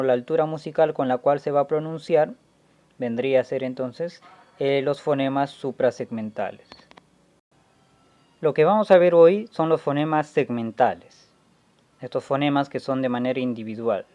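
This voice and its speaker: A man teaching a language lesson, explaining slowly and patiently and sounding out each vowel as he goes. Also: medium pitch, dark tone. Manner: slow, patient, demonstrating sounds aloud. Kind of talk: classroom explanation.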